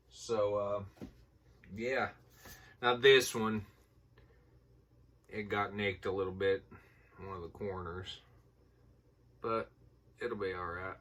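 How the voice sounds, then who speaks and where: Middle-aged man, deep voice, Appalachian hillbilly accent, informal vlog rambler, recorded at a distance from the mic. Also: fairly bright tone. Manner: folksy, informal. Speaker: movie collector showing a haul. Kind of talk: casual rambling haul vlog.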